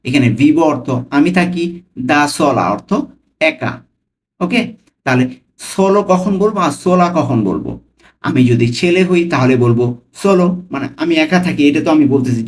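Man teaching Italian phrases slowly. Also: on the high side. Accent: Bangladeshi Bengali. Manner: breaks phrases into words and repeats them slowly. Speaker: language teacher. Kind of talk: language lesson.

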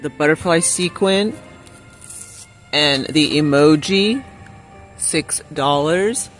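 A man's voice: a little high, takes it slowly, fairly bright tone, faint music behind. A man vlogging as he shops. He gushes over items and reads out prices and deals while walking a store aisle, filming on a handheld phone. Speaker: shopping vlogger. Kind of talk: shop-with-me vlog narration. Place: aisle of a discount store, indoors. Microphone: handheld phone camera.

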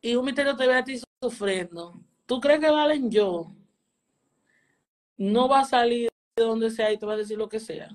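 A woman's voice: on the high side, normal speed. A woman, a spiritual teacher telling a personal testimony and earnestly repeating phrases for emphasis.

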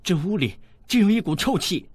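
A man's voice: high voice, lively intonation, a little fast, slightly rough, voice pushed up. A man voicing a proud, stubborn young swordswoman, wounded and scornful, in an audiobook. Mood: defiant. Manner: defiant, scornful.

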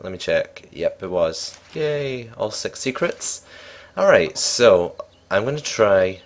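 A young man casually commenting on his gameplay as a let's play host, rambling and joking at his own expense. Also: low voice. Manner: chatty, rambling, self-mocking.

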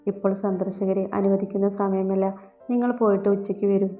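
A woman's voice: mid-range voice, flat delivery, brisk, close to an everyday voice. A woman voicing a strict but kind female ICU nurse who speaks firmly in an audiobook story. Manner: firm. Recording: echoey, dull lo-fi with soft music.

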